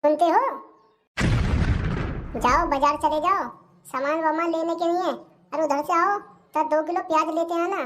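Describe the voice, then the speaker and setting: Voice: extremely high pitch, fairly even intonation, normal speed, sharp tone, a little hiss or hum. Voice actor doing a sly young daughter-in-law. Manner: bossy and sly, talks back. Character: sharp-tongued young daughter-in-law, scheming. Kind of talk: cartoon comedy voice acting.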